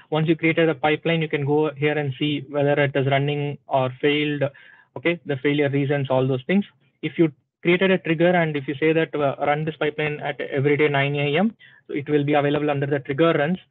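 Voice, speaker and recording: At a tech community session, a man walks through a live software tutorial step by step, filling it with "uh"s and "okay"s and checking in with "right?". His voice is fairly high, and the dry recording sounds thin and phone-like with no room sound.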